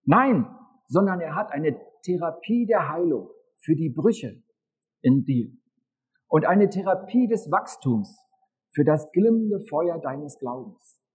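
A man preaching a casual, animated sermon at a church service, talking to the congregation with a husky voice. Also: slow, rough recording. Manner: lively, animated preaching with dramatic pitch swings. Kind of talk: children's-style sermon with a prop window.

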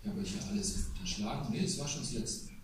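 Brief: male pastor, chatty sermon with congregation asides, animated delivery, echoey hall with faint background noise. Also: on the high side, quick pace, distant mic. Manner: conversational preaching with asides to the congregation. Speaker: preacher.

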